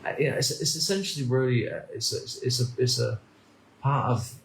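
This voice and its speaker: A man in his thirties from the United Kingdom, talking through a reflective personal monologue in a halting way, often repeating words and restarting sentences. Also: mid-range voice, creaky, reverberant, a little hiss or hum, rough recording. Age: 30s. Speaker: vlogger.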